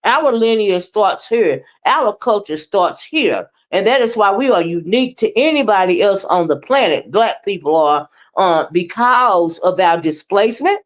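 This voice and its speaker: Speaking with hardly any pauses, this American livestream host has a medium-pitched, animated voice and a slightly slow pace. Her casual commentary responds to the chat, emphatic and conversational, and she frequently tags phrases with quick questions to her listeners.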